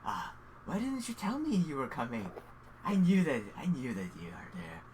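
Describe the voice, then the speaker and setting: A woman voicing a flustered male tiefling librarian and father who talks in a hesitant, fumbling way, with some soft near-whispered stretches. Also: very deep voice, wildly swooping pitch, moderate pace, a little hiss or hum, exaggerated voice. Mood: welcoming.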